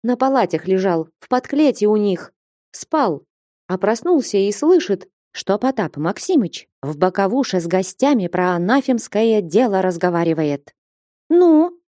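A woman's voice: medium pitch, lively intonation, normal speed, dark tone, no echo, studio quality, natural voice. A woman voicing a humble, anxious old nun treasurer in an audiobook, pleading and lamenting. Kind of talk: audiobook character reading.

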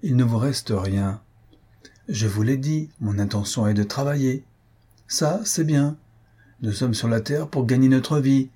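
In this audiobook a man with a dark, mid-range voice and a breathy edge speaks at a measured pace. He plays a blunt, practical aunt of middle age, raising his voice well above its natural level. Her tone is scolding, her lecture firm and cutting.

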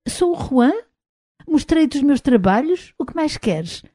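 A woman with a European Portuguese accent reading the lines of a pushy adult man who pleads softly, in an audiobook. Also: sits high, very animated, unhurried, dry recording, clean studio sound, pitched above the performer's own voice. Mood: coaxing. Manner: soft, wheedling pleas.

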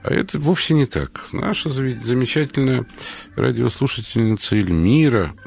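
A man hosting a psychology radio talk, thinking aloud with pauses and fillers. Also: mid-range voice, expressive, creaky, a little mellow, faint music behind. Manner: thoughtful, hesitant with pauses and fillers. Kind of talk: radio commentary.

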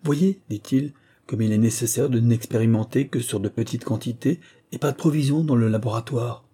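A man's voice: mid-range voice, moderate pace, dark tone, slightly rough. A man voicing a fond, jovial prince and father, hearty and commanding.

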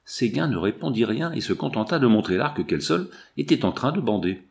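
A man reading a novel aloud as narrator, telling it in an expressive storytelling way. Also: mid-range voice, a little fast, gravelly. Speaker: audiobook reader. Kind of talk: scripted narration.

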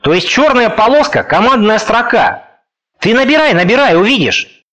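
A male audiobook reader voicing a fussy, anxious elderly professor who asks drawn-out, nervous questions. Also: high voice, big pitch swings, pushed and bright, exaggerated voice. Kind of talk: audiobook character reading.

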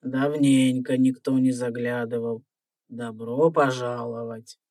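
An actor playing a wry, ancient dragon in an audio fairy tale, speaking with drawling, mock-courteous manners. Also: male voice, mid-range voice, flat delivery, takes it slowly, darkish tone, no room sound, natural voice. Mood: welcoming.

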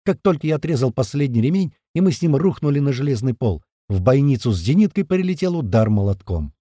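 A man narrating a first-person audiobook in a colloquial, rough-spoken, vivid way. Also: medium pitch, big pitch swings, quick pace, dark tone, no echo, clean studio sound.

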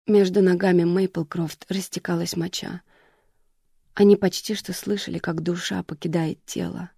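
An audiobook narrator reading a thriller chapter in scripted narration with a steady, even delivery. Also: mid-range voice, moderate pace, creaky, husky, no echo, studio quality.

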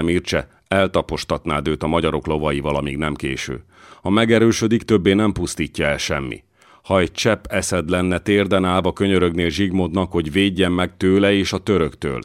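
A man reading as a gruff hot-tempered warrior. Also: deep voice, no room sound, studio quality, close to an everyday voice. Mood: angry. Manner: gruff, threatening.

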